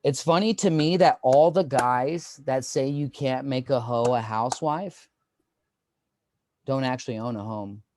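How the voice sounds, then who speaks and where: A man's voice: mid-range voice, measured pace, a little mellow, a little hiss or hum. A man in his thirties doing a stand-up comedy set, rambling and self-deprecating with lots of fillers.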